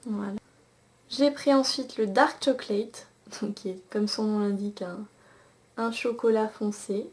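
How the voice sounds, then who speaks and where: A woman's voice: mid-range voice, fairly even intonation, unhurried, a little mellow. A young woman casually reviewing eyeshadows to a camcorder, chatty, with many fillers and restarts. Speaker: beauty vlogger. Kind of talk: casual makeup review with swatches. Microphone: camcorder mic.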